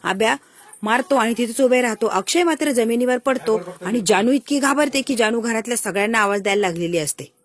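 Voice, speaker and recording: A woman narrating, retelling a TV serial episode in steady storytelling. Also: fairly high pitch, brisk.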